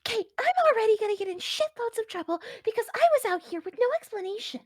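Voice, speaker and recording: A woman's voice: very high voice, expressive, fast, no room sound, studio quality. A woman player in a tabletop role-playing game, speaking in character and describing her actions, exasperated and swearing.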